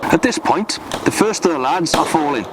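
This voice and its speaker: A man's voice: a little high, animated, normal speed. Man telling a soldier's story over noise. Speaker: living historian narrating as a soldier. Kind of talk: first-person historical storytelling.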